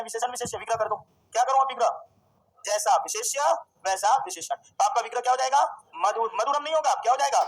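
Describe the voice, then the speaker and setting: A man teaching a Sanskrit grammar class, drilling students with questions and slowly repeating forms. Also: very high voice, a bit bright, low-quality recording. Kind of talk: classroom lecture.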